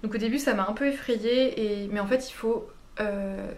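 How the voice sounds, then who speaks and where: A woman with a medium-pitched, slightly mellow voice speaks at normal speed in her knitting vlog. She chats easily and casually, using many fillers and self-corrections, in a recording with roomy echo and a faint background hum.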